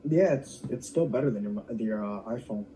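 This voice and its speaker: A man's voice: on the low side, lively intonation, moderate pace, warm tone, a little hiss or hum. A man answering briefly on a phone call, his voice heard through a speaker. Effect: voice heard over a phone call through a speaker. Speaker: the host's son on a phone call. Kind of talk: casual phone chat.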